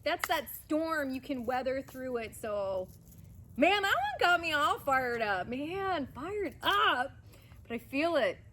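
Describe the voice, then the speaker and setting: A woman giving a pick-a-pile card reading in an enthusiastic, chatty way that sometimes gets loud and rowdy. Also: sits high, big pitch swings, slow. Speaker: tarot card reader.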